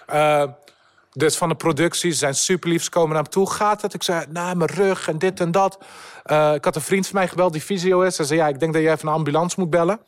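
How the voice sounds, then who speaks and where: Casting: young male comedian, high voice, animated storyteller who swears and mixes in English. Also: fast talker. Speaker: podcast guest, comedian. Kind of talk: storytelling anecdote.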